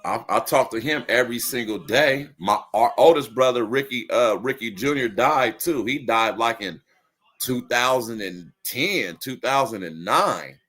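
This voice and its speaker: A man's voice: mid-range voice, lively intonation, measured pace, fairly bright tone. Laid-back forty-year-old man streaming. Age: 40s. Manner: laid-back, slangy storytelling. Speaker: live streamer. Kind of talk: casual live stream chat.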